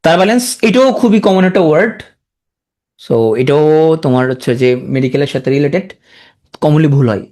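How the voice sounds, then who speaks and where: A spelling teacher, who sounds out words slowly syllable by syllable and repeats them, with joking asides to a large class. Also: medium pitch, darkish tone.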